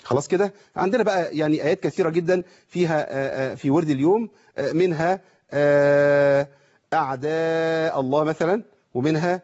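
A man with an Egyptian Arabic accent teaching Quran recitation, asking his viewers rhetorical questions and slowly sounding out examples. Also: a little high, darkish tone, highs cut off. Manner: asks rhetorical questions, demonstrates pronunciation slowly. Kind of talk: televised lesson.

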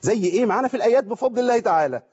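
A man with an Egyptian accent gives a rapid tajweed lesson in a fairly high, mellow voice. He keeps putting questions to his students and answering them himself, and the recording sounds dull and lo-fi. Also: expressive, husky. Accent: Egyptian Arabic. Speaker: Quran recitation teacher. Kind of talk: tajweed lesson with recited examples.

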